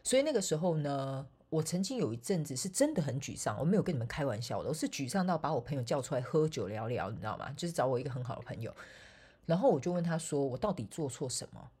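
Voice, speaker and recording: A woman's voice: low voice, big pitch swings, fast talker, dark tone, husky. A woman with a Taiwanese Mandarin accent, a spiritual coach, talking in a casual, playful, self-mocking monologue. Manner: playful and self-mocking, with frequent laughs and filler particles. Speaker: spiritual coach and online course instructor.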